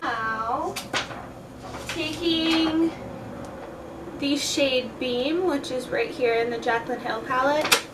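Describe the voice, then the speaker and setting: A woman's voice: high voice, slow pace, long pauses. Tipsy woman, echoey noisy recording. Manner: tipsy, playful and loose. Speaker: makeup video host. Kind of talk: casual makeup tutorial commentary. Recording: distant, echoey, noisy room.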